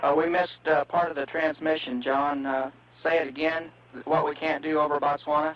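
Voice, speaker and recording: A man's voice: fairly high pitch, flat delivery, moderate pace, dull audio. A man working as a mission control communicator, making procedural calls to a spacecraft over a two-way radio with static.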